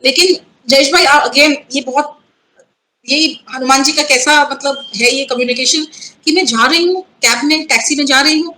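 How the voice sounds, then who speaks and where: A woman guest telling a personal story in an interview, earnest and halting, often restarting her sentences and mixing in English words. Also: sits high, pushed and bright, rough recording. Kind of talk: personal testimony in a conversational interview.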